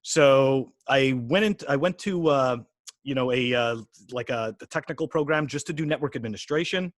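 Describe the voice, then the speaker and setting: A man's voice: medium pitch, moderate pace, dry recording. Rambling man in his forties, dry sound. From Quebec, Canada. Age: 40s. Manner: rambling, many restarts and "you know"s. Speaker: podcast guest. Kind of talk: casual interview chat.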